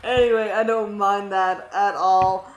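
A woman in her thirties, hyper and giggly, gushing through a casual shoutout vlog. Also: medium pitch, fairly even intonation, unhurried, highs cut off. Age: 30s. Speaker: YouTube vlogger. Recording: roomy echo with faint noise.

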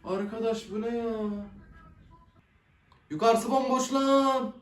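Young male reaction host, high voice, excitable, echoey room, somewhat off-mic. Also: slow pace, far from the mic. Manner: excitable, swears and groans at missed chances. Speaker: football reaction video host. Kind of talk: casual live match reaction.

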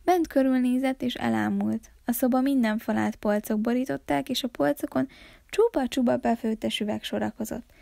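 A woman from a town library reading a children's Christmas story aloud in a calm, expressive way. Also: a little high, creaky, dry recording, studio quality.

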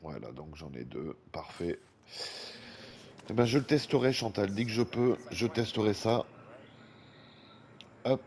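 A gaming YouTuber speaks in a lowish, darkish voice with lively intonation, a measured pace and long pauses. French-accented and congested from a head cold, he chats through a video game, reads viewer comments and occasionally breathes heavily. Faint fan noise reaches his desk microphone.

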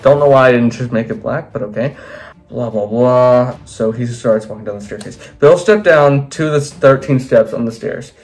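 A man's voice: mid-range voice, normal speed, darkish tone, soft background music. A man reading his old fan fiction aloud with wry, self-mocking asides. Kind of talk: comedic reading with commentary.

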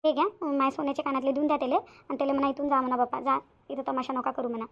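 A woman playing a pleading, high-voiced young wife. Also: flat delivery, racing, a bit bright. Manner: pleading, insistent.

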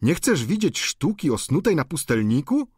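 A man's voice: fairly high pitch, sing-song, normal speed, a little mellow, slightly rough, dry recording, studio quality, voice pushed up. A man voicing a fussy, gossiping older widow who runs a boarding house, chattering and exclaiming in a raised voice. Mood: coaxing.

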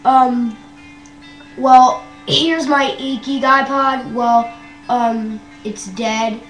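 Young woman from Canada, casual vlogger, high voice, unhurried, filler-heavy, echoey room. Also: steady tone, faint music behind. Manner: hesitant, many ums and wells. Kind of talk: casual screen-tour vlog. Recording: roomy echo with faint hum.

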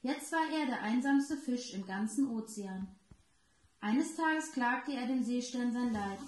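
A daycare educator, a woman, reading a children's story aloud slowly and clearly. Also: a little high, expressive, a little mellow. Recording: roomy echo.

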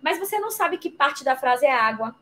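Woman explaining, slightly high voice. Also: sing-song, fairly quick, crowd noise, rough recording. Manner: didactic, explains with examples and rhetorical questions. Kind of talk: explanatory talk in a live interview.

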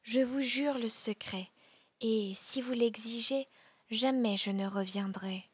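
A woman voicing a passionate young noble Roman woman in a breathy, hushed whispered role-play. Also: a little high, slow pace, no room sound. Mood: ardent.

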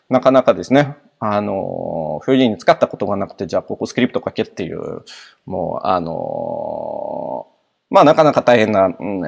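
A man from Russia steps through a technical software presentation at a quick clip. His phrasing is halting and broken up by constant filler words, though it stays polite and explanatory. His voice sits at an ordinary middle pitch. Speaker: conference presenter.

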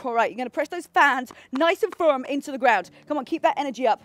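A woman leading a workout class outdoors like an energetic aerobics instructor, counting down and urging people on. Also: high-pitched, quick pace, dry recording. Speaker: fitness instructor leading a live home workout. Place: outdoors on a backyard pool deck. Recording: music playing behind the voice. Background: workout music.

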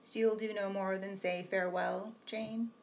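A woman reading the part of a brusque, teasing gentleman employer with a gruff, commanding manner. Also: sits high, level tone, moderate pace. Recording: slightly muffled with faint hiss.

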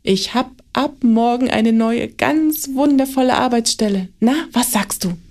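A woman's voice: a little high, unhurried, pitched above the performer's own voice. A woman voicing a joyful mother who shares good news with her son in a lilting tone. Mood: happy. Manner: bright, delighted, lilting. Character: cheerful mother, warm and happy.

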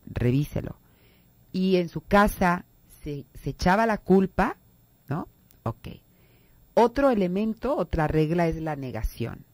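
A radio host and therapist with a Mexican Spanish accent leads a talk on family psychology, her lowish voice sing-song and measured. She acts out the people she quotes in raised voices, and the recording is dry.

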